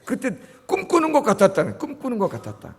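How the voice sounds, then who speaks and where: A man preaching a sermon as pastor, animated and often prompting the congregation for a response. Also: very high-pitched, quick pace. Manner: acts out quoted voices and jokes with listeners. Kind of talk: sermon at a dawn service. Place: church sanctuary. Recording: long church reverb.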